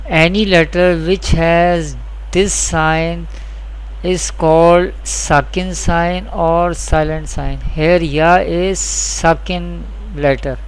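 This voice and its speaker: A teacher delivers a scripted lesson on Quran recitation, explaining carefully through repeated questions and answers and spelling out examples. The voice is medium-pitched and smooth, with little pitch movement.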